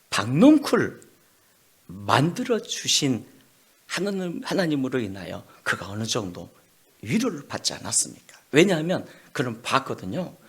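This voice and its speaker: A male pastor preaching a sermon in a dramatic storytelling manner, moving from hushed asides to loud bursts. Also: mid-range voice, breathy edge.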